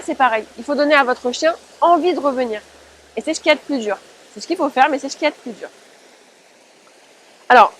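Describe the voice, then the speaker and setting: High-voiced woman explaining things informally. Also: a little hiss or hum, poor audio. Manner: explanatory, addresses listeners directly with rhetorical questions. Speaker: dog-training advice presenter. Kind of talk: informal spoken tutorial.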